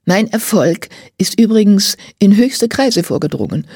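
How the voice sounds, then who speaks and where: A woman's voice: mid-range voice, sing-song, measured pace, vocal fry, darkish tone, husky, no echo, clean studio sound, full character voice. A woman reading a children's audiobook, voicing a vain, boastful lady who owns horses and turns to shrieking. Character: vain shrill horse-owning society lady. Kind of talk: audiobook character voice.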